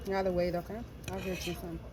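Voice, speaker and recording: A woman's voice: lowish voice, flat delivery, a little fast. A woman chatting casually to viewers as she eats, chewing while she talks. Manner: chewing while talking, mouth often full. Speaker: mukbang vlogger eating at a buffet. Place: indoors in a public buffet restaurant. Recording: very noisy busy restaurant ambience.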